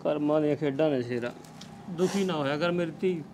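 An actor playing a poor, aging father who gently consoles his daughter. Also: fairly high pitch, a little fast, music in the background, natural voice. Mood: tender.

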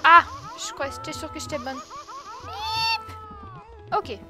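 A young woman talks through her gameplay in a high, bright voice, yelping when things go wrong and scolding the character on screen. Game music plays clearly underneath her commentary. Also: a little fast. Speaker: let's play gamer. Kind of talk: excitable gaming commentary.

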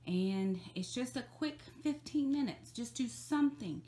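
A woman's voice: on the high side, expressive, dark tone, husky. A middle-aged woman vlogging casually about tidying her bedroom, talking in a chatty, upbeat way into a phone camera held at arm's length. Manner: chatty and upbeat, drawn-out emphasis. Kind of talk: casual cleaning vlog. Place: bedroom in a home.

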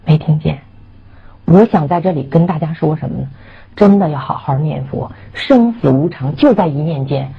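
A woman's voice: sits low, expressive, normal speed, vocal fry, breathy edge, phone-quality sound. A woman telling a Buddhist lay practitioner's testimony in an earnest, urging way, acting out the voices of others as she goes. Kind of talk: spoken personal testimony.

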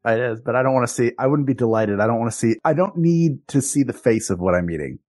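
A man co-hosting a comedic podcast, answering with wry, deadpan quips. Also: medium pitch, fast, no echo, clean studio sound. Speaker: podcast co-host. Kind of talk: comedic casual chat.

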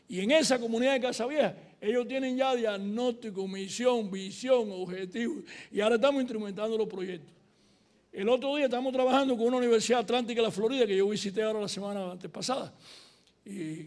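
An older man gives a university keynote, telling stories from his work. His voice sits very high for a man. He acts out the dialogue as he goes. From Cuba. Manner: storytelling, animated, acts out dialogue. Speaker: university lecturer giving a keynote. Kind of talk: conference lecture with anecdotes.

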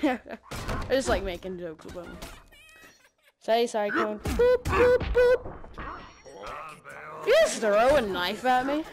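Excitable woman swearing through gameplay. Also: a little high, measured pace, pauses often, music in the background. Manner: excitable, swearing, making silly sound effects. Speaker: gamer playing on stream. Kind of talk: casual gameplay commentary.

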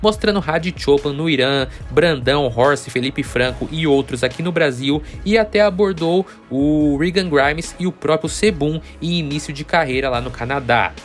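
A man's voice: a little high, moderate pace, hardly any pauses, soft background music. A Brazilian man hosting a bodybuilding news channel, narrating casually and speaking directly to his viewers. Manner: chatty, addresses viewers directly as friends.

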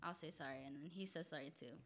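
A young woman chatting as a podcast guest, swearing freely and laughing often as she tells animated stories. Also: sits low, fast talker. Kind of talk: casual podcast chat.

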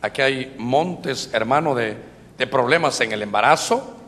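Brief: Honduran male preacher, bright and forceful tone, echoing church hall. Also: medium pitch, measured pace. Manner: emphatic, constantly addresses the congregation as brother. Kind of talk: sermon.

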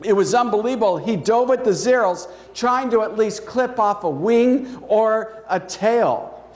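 A man preaching a sermon as pastor, telling stories and letting his phrase endings drop soft and slow. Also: high-pitched, animated. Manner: storytelling, with soft, slowed endings. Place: church sanctuary. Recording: echoey church hall.

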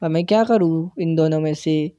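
A man's voice: a little high, moderate pace, no room sound, studio quality. Jumpy man narrating a horror game. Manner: tense, excitable play-by-play mixing in English words. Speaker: gaming channel host. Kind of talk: live gameplay commentary.

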